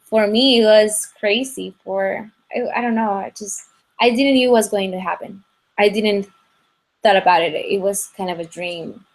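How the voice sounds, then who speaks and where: A young woman from Ecuador, speaking in a halting way with many restarts and fillers during a casual video-call interview. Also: medium pitch, fairly even intonation. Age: young adult. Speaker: guest singer.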